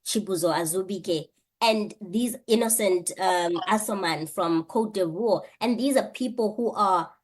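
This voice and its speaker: With a mid-range voice and a slightly slow pace, this South African guest, a PhD candidate and lecturer, works through an interview question with earnest care. She keeps restarting and poses rhetorical questions as she thinks out loud.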